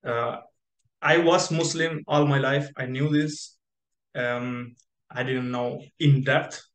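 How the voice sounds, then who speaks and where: A man's voice: medium pitch, steady tone, slow pace. A young man who grew up in Spain, telling his story as an interview guest on a video call, rambling with many fillers and restarts. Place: bright room indoors. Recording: echoey room on video call.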